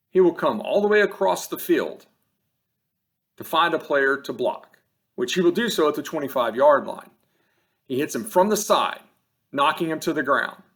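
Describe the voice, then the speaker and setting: A man narrates game film from a script like an officiating instructor, using measured, matter-of-fact short phrases. His voice is on the high side with a fairly bright tone.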